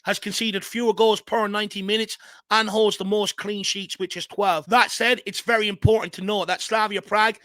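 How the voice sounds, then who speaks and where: Irish man, football vlog host, analytical and opinionated; bright, crisp tone. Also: high voice, little pitch movement, normal speed, no echo. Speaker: fan channel host.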